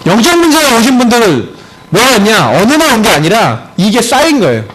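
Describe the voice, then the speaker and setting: A male pastor preaching a sermon, telling a family story, swinging from emphatic high points to low, quiet storytelling. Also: sing-song, brisk, slight background noise, low-quality recording. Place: church sanctuary.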